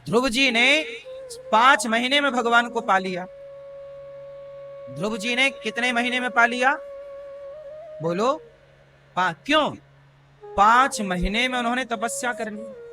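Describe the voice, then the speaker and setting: Male devotional preacher, high voice, folksy talk with the crowd, live recording with music behind. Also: unhurried, long pauses, sharp tone. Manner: folksy, questions the crowd directly. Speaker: spiritual preacher. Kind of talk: devotional discourse to a live audience. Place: large devotional gathering.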